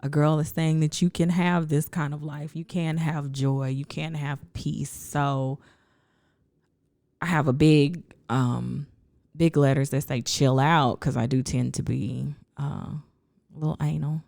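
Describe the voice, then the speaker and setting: A woman with a very low, gravelly voice hosts a podcast in casual chat. She speaks in a measured, deliberate radio voice. The sound is dry and close. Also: steady tone, darkish tone, dry recording. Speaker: podcast host.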